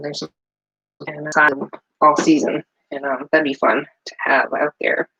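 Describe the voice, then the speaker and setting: A middle-aged New England woman with a low voice rambles casually in her home kitchen while making soap, using lots of fillers. She's a soap maker and vlogger, and the audio sounds dull.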